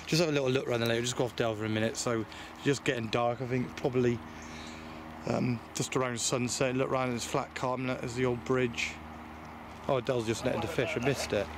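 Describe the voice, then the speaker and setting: A man's voice: mid-range voice, level tone, fairly quick. A man filming his fishing friend at a lake, joking and swearing in casual banter. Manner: joking, teasing, swears freely. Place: lakeside outdoors. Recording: outdoor ambience and water noise.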